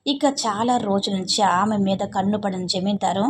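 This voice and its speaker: Woman storyteller, mid pitch, restarts lines mid-sentence, faint background noise. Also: fairly even intonation, moderate pace. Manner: frequent self-corrections mid-sentence. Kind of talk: dramatic story narration.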